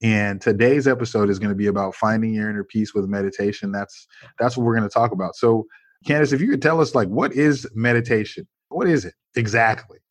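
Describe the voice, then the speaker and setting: Low-voiced upbeat male podcast host. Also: fairly quick, no echo. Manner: upbeat, affirming. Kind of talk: casual podcast interview.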